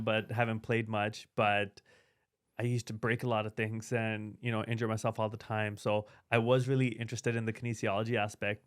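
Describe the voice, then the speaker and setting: A man's voice: on the low side, a bit bright. A man hosting a career podcast, chatting casually and restarting his questions as he goes. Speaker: podcast host. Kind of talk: casual interview chat.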